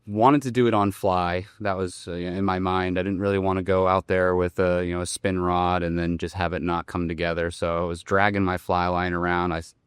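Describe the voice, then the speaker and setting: Low smooth-voiced guy excitedly telling a fishing story, dry close sound. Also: fairly quick, hardly any pauses, dry recording. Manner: enthusiastic, animated storytelling. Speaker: guest angler. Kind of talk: casual storytelling.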